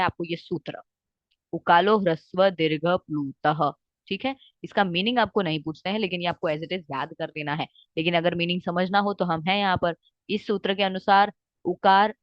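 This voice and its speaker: A woman's voice: on the low side, dry recording, highs cut off. A woman teaching Sanskrit grammar for exams, mixing English words into her talk, often checking that students follow and drawing out vowels to show how they sound. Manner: checks often with "ठीक है" and "आ गई बात समझ में?"; mixes English words into Hindi. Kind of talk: exam-focused lecture.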